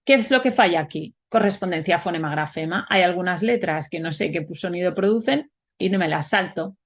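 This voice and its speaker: A woman's voice: lowish voice, a little fast. A woman giving a webinar lecture, explaining step by step and often asking rhetorical questions. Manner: explanatory, frequent rhetorical questions and "¿vale?" checks. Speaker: teacher.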